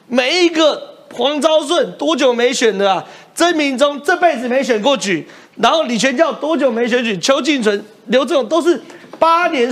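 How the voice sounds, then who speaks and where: A man's voice: very high voice, a bit bright. A man with a Taiwanese Mandarin accent hosting a political talk show, arguing point by point with emphatic rhetorical questions. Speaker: host.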